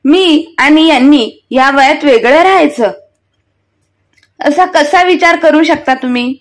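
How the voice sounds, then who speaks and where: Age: 60s. Figure: a woman doing a calm, firm elderly mother. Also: high-pitched, slow pace. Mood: hurt. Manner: soothing, then firmly questioning.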